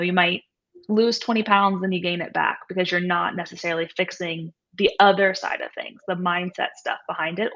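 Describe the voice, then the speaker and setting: A guest nutrition coach, a woman aged 30s to 40s, has a lowish, creaky voice with a bit of brightness. Answering interview questions, she explains things in a conversational way, often checking in with "right?" and "you know". The recording sounds dull and low-fidelity.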